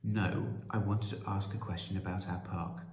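A man's voice: low-pitched, fairly even intonation, moderate pace, a little mellow. A man voicing a shy, earnest young schoolboy who speaks hesitantly, in a read-aloud children's story. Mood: timid. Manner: timid, hesitant. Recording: roomy echo.

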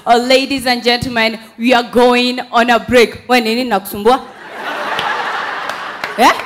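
A woman's voice: a little high, fairly bright tone, slight background noise. A young Kenyan woman doing stand-up on an indoor stage through a headset mic, chatty and mimicking voices. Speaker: stand-up comedian. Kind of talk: stand-up comedy in mixed Swahili and English.

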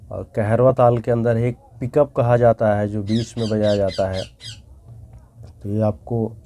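A man's voice: lowish voice, mellow. A young man teaching tabla in a friendly way, addressing his viewers as friends and reciting drum syllables. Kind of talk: online music lesson. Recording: tabla playing behind the voice.

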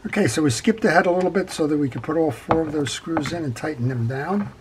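A middle-aged man calmly talking through a step-by-step reel repair at his workbench, with frequent fillers as he works. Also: on the high side, quick pace, background noise. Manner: calm, practical, talks while working, frequent fillers. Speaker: fishing reel repair instructor. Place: workshop bench.

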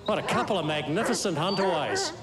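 A man's voice: sits high, animated, a little fast, over a noisy crowd. A man with a New Zealand accent giving enthusiastic, exclamatory live commentary at an outdoor sports event. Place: outdoor arena in a city square. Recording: echoey outdoor public address, noisy, barking dogs.

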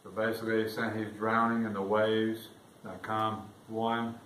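A man's voice: flat delivery, normal speed, distant mic. Man preaching in an echoey church. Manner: swells louder and higher when reading scripture aloud. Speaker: pastor. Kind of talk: sermon. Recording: roomy echo, voice off-mic, faint room noise.

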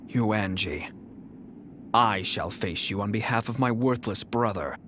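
These game voice clips feature an actor as a cool, arrogant young general who talks in a calm, measured, haughty way. His voice sits on the low side, and the clean studio recordings carry slight background noise.

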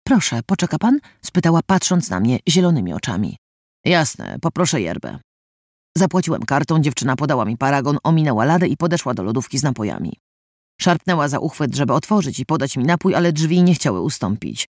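A man narrating a first-person audiobook in an expressive, dramatic reading style, recorded on a close studio mic. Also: mid-range voice, fast talker, no echo.

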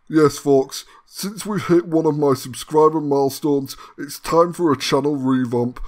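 A man's voice: medium pitch, a little mellow. A man hosting a gaming channel, delivering a comedic announcement with sardonic, mock-grandiose banter.

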